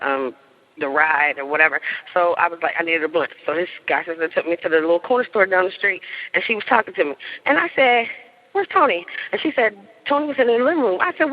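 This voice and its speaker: A woman's voice: fairly low pitch, narrow, tinny audio. A woman in her thirties telling a story in casual chat, laughing often and acting out what people said. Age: 30s. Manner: animated, laughs often, acts out quotes. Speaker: interviewee.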